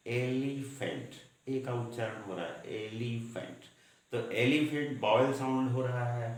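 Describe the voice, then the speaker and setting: A man teaching a grammar lesson, slow and patient, often checking in with the class. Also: medium pitch. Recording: very echoey room.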